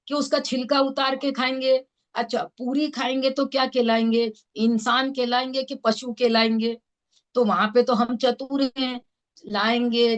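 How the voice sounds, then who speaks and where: A woman with an Indore Hindi accent teaching a scripture class, explaining with everyday examples and often checking that listeners follow. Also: fairly high pitch. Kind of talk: religious scripture lesson.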